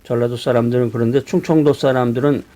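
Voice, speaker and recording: A male pastor from Seoul preaches in an easy, conversational way. His voice sits at an ordinary middle pitch, and he often stops to pose questions or hesitate before carrying on. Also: fairly even intonation, fast, dark tone. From Seoul, South Korea. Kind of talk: sermon.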